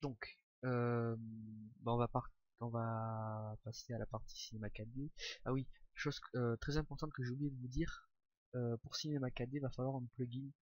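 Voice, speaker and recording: A young man walks through a software tutorial in a loose, informal way, pausing often with fillers as he searches for the next step. His voice sits at an ordinary middle pitch. The recording is dry and close, with no room sound. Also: no room sound, highs cut off. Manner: hesitant, many "euh" fillers, relaxed and informal. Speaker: tutorial maker.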